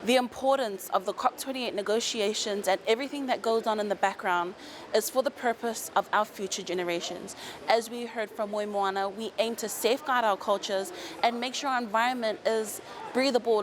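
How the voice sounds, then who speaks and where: A woman's voice: medium pitch, a little fast. A woman working as a television reporter, delivering scripted links and interview questions.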